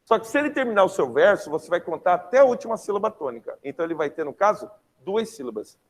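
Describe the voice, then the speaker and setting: His online class is lively and full of slang, and this young adult teacher with a Brazilian Portuguese accent frequently checks in with students. He talks quickly in a high-pitched voice.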